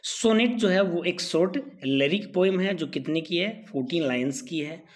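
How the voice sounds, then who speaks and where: A man teaching an exam-prep lesson, asking rhetorical questions and answering them in an animated way. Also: a little high, moderate pace.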